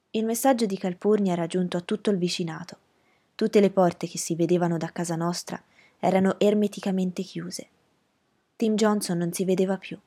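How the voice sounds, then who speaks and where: A woman reading a novel aloud in a calm, measured, soft-spoken way. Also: lowish voice. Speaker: audiobook reader.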